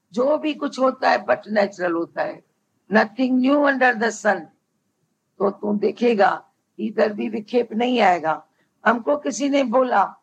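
A woman spiritual teacher giving a devotional discourse, speaking slowly and deliberately and repeating her key phrases. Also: a little high, vocal fry. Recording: dull lo-fi with faint background hum.

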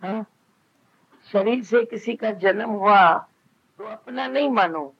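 A man's voice: sits high, takes it slowly, breathy edge, dull audio. A man giving a spiritual discourse, talking conversationally and acting out little dialogues between family members. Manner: conversational preaching, quoting others in dialogue. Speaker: spiritual teacher. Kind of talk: satsang discourse.

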